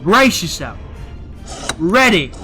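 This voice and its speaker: A man's voice: high-pitched, big pitch swings, slow, music in the background, full character voice. A man playing an eccentric, clever alien time-traveller in a sci-fi audio drama, theatrical, playful and sure of himself. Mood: confident, playful. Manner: theatrical, playful, self-assured.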